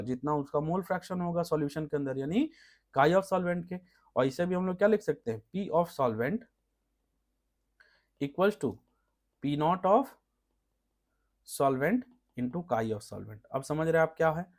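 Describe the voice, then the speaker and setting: Higher-pitched male chemistry teacher. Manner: explains step by step, asks rhetorical checks, repeats key terms. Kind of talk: classroom lecture.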